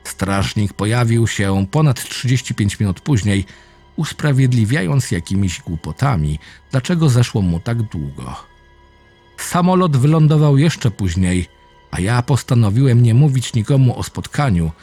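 A man reading a first-person horror story aloud, low and intense with dramatic swings. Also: very animated, moderate pace, warm tone. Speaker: narrator. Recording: faint music behind the voice.

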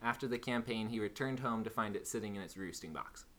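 A man co-hosting a casual podcast, reading out trivia facts in a measured, deliberate way. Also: on the low side, pushed and bright. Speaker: podcast co-host.

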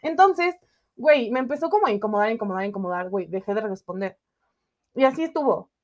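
A young woman with a Mexican accent co-hosting a podcast, telling a story in slangy, animated casual chat full of fillers. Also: medium pitch, fast, muffled recording. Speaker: podcast co-host.

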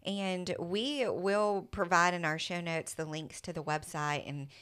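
A woman's voice: lowish voice, steady tone, a little slow, a bit bright, clear, resonant tone. A woman co-hosting a casual podcast, upbeat and promotional. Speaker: podcast co-host. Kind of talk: casual chat.

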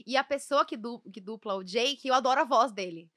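A woman's voice: a little high, a little fast, fairly bright tone, dry recording, clean studio sound. A young Brazilian woman, a podcast guest, chatting casually and chattily, often restarting her sentences. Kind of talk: casual chat.

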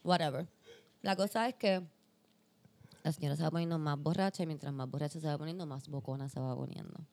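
A woman with a Puerto Rican accent, a podcast host telling a story in casual chat, lively and animated, acting out voices and mixing in English. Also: low-pitched, brisk, gravelly. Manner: animated, acts out voices in her stories; mixes English into her talk.

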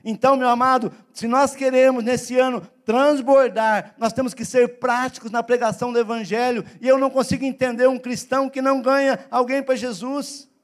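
A man's voice: very high voice, little pitch movement, brisk, few pauses. A man from Brazil, preaching as pastor in a church service, talking in a conversational way that swells into emphatic calls. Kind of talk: sermon.

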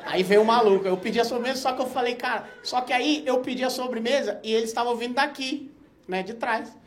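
A man doing stand-up comedy, telling a story in an animated, self-mocking way. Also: very high-pitched, fast talker, a faint crowd. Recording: live club, audience laughter, noisy.

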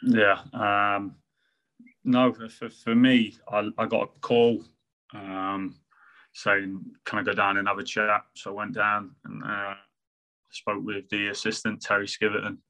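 A former footballer with an English Midlands accent, talking in a casual podcast interview with halting, restarting sentences. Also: male voice, fairly low pitch, little pitch movement, sharp tone, low-quality recording. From England. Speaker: football manager and former player.

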